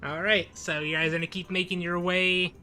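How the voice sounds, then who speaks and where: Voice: medium pitch, little pitch movement, normal speed, sharp tone, faint music behind. A game master casually narrating and guiding a tabletop role-playing game.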